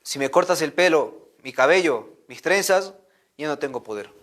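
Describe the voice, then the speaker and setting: A boastful biblical strongman confides his secret in a fairly high, lively voice , as a man puts him on while telling the story. It comes from a children's storybook lesson, and the speaker stays close to his own voice. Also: moderate pace. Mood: confiding.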